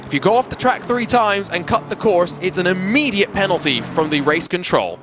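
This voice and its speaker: A man's voice: high voice, lively intonation, moderate pace, over music. A man giving live commentary on a racing event as part of a broadcast team. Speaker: motorsport commentator.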